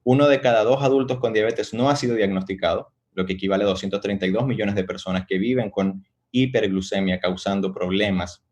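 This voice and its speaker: Middle-aged doctor guy from chile, lowish voice, explains slow and careful with lots of ehs. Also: fairly even intonation, darkish tone. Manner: measured, explanatory, with frequent hesitations. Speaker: doctor, endocrinologist. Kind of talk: online medical lecture.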